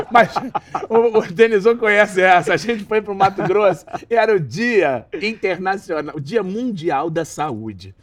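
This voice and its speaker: A middle-aged Brazilian man with a Brazilian Portuguese accent, a talk show guest telling animated anecdotes in casual chat and swearing freely. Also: high-pitched, a little slow, distant mic.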